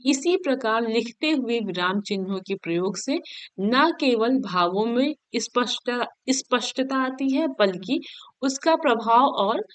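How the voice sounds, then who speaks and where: A woman teaching a Hindi grammar lesson for exam prep. She reads each definition slowly, then explains it again in everyday words, often checking "okay?". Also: a little high, expressive, dry recording. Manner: explains each point twice, keeps asking "ठीक है?".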